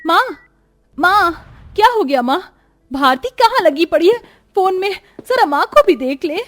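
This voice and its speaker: A woman voicing a kind, patient elder sister in a storybook, earnest and gentle. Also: a little high, moderate pace, noisy background, natural voice. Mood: alarmed shouting. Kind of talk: storybook voice acting.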